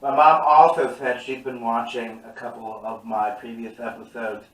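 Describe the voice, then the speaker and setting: A man's voice: mid-range voice, little pitch movement, normal speed, fairly bright tone, roomy sound, far from the mic, poor audio. A man hosting a casual talk show, joking loosely and laughing at himself between segments. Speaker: host.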